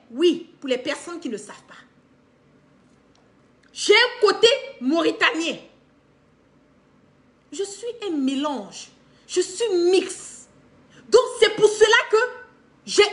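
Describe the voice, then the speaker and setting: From her living room in Ivory Coast, a middle-aged woman with an Ivorian accent gives an impassioned, unscripted live-stream monologue to camera. Her extremely high voice swings with lively intonation as she gestures animatedly and repeats phrases emphatically for stress.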